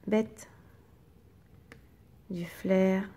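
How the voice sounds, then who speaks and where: A woman teacher, slowly and patiently guiding young children through reading exercises and sounding out each syllable. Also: medium pitch, steady tone, dark tone.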